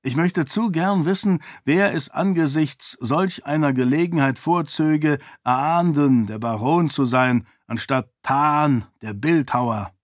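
A man voicing an earnest young prince who pleads and persuades, his voice rising in pitch. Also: slow, few pauses, dry recording, studio quality. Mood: urgent persuasion.

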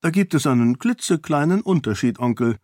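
Casting: sharp-witted young princess, read by a man, teasing and quick, raised voice, husky edge, dry close audiobook sound. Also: fairly high pitch, animated, no room sound, pitched above the performer's own voice.

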